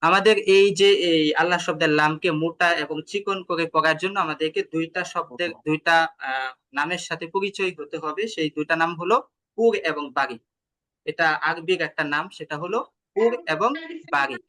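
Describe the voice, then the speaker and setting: Bright-voiced male Quran teacher. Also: a little high. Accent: Bangladeshi Bengali. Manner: explains patiently, checks with questions, chants examples slowly. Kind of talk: online tajweed lesson.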